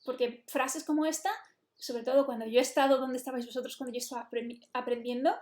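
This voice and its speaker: A woman's voice: sits high, steady tone, fast talker, a little mellow. A woman with a Spain Spanish accent, explaining an English lesson in a chatty, explanatory way and slipping in English phrases. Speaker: English teacher. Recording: roomy echo.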